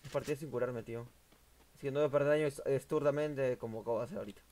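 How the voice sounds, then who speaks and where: A young man, streaming a game and commentating live, excitable and swearing at the action. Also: medium pitch, rapid-fire. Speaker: gaming streamer.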